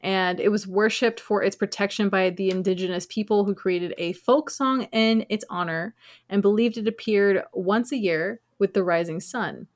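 A woman's voice: medium pitch, moderate pace. A woman with a New Jersey accent, co-hosting a podcast in casual group chat. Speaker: podcast co-host.

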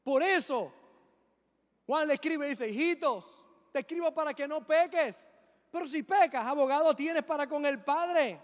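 A man's voice: extremely high pitch, unhurried. A middle-aged man, a pastor, preaching a sermon with emphatic delivery and joking asides. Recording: long reverb of a large hall.

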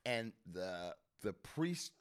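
A man's voice: on the low side, sing-song, extremely slow, clear, resonant tone. A man chatting casually and retelling stories with enthusiasm, repeating himself and peppering his talk with bro and dude. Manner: slangy, says bro and dude often, enthusiastic, repetitive. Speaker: podcast co-host. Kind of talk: casual chat, retelling a story.

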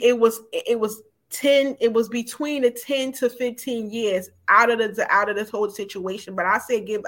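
In candid, personal storytelling, a woman in her forties talks openly about her life as a podcast guest, her informal speech loaded with fillers. She has a mid-range, fairly bright voice.

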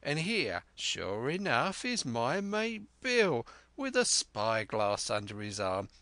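A man's voice: medium pitch, wildly swooping pitch, takes it slowly, pushed and bright, no room sound, heavily acted. A man doing a sly wheedling pirate. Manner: wheedling sailor's dialect. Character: sly menacing male pirate, fawning and sneering.

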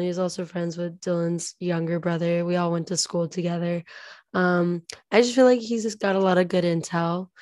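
A young woman co-hosting a podcast with a slightly raspy voice, chatting casually and effusively. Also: fairly low pitch, darkish tone, no room sound, clean studio sound. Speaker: podcast co-host. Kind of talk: casual chat.

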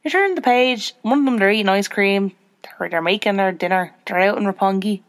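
A young woman hosts a podcast, chatting casually in a brisk, self-deprecating way with no room sound. Her pitch jumps up whenever she gets excited.

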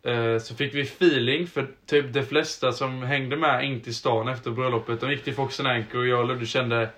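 A young man co-hosting a casual podcast, telling stories in an animated way. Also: medium pitch. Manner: animated anecdote-teller. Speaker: podcast co-host.

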